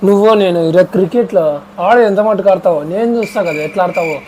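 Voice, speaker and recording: A man's voice: sits high, fast talker, crowd noise, voice pushed down, natural voice. A man doing a cocky schoolboy. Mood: boastful. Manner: boastful, teasing. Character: cocky schoolboy boasting about cricket.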